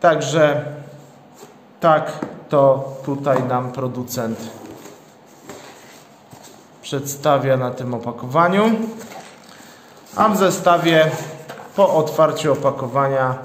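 A man working as a product reviewer and channel host narrates an unboxing at a tabletop indoors, unscripted, matter-of-fact, and methodical. His mid-range voice moves slowly with long pauses and a little hiss or hum. The room is echoey and hard-walled, with long reverb.

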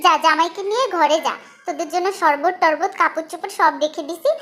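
Girl putting on a bossy village mom-in-law for a fan voice drama, high bright voice, nags then sweet-talks. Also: a little fast, slight background noise. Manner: scolding, then coaxing in dialect. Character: village mother-in-law, bossy but soothing, older woman.

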